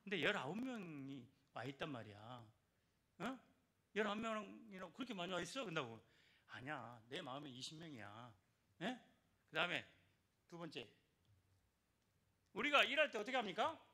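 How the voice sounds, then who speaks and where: A man's voice: high-pitched, sharp tone. An older man, a church elder giving an evangelism testimony and exhorting the congregation with repeated phrases and calls for response.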